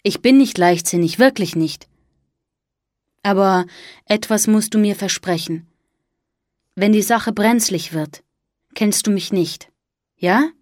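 A woman reading the lines of an earnest, gentle young man in an audiobook, speaking softly and sincerely. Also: medium pitch, slow, pauses often, no room sound, clean studio sound, lightly acted. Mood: pleading. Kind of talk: audiobook dialogue.

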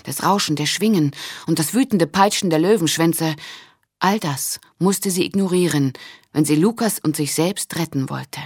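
A woman reading a fantasy audiobook in a calm, expressive narrating voice. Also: sits low, moderate pace, husky, no echo, clean studio sound.

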